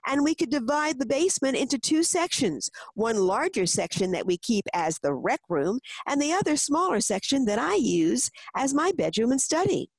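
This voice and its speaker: A woman voicing an excited, eager young boy of almost seven in a storybook reading. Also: high-pitched, moderate pace, few pauses, slightly rough, no echo, voice pushed up, full character voice, poor audio.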